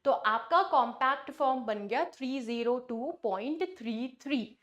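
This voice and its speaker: A woman teaches a maths class online, her voice set high. She works through each step and poses questions only to answer them herself. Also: unhurried, fairly bright tone, highs cut off. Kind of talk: online class lesson in Hindi-English mix.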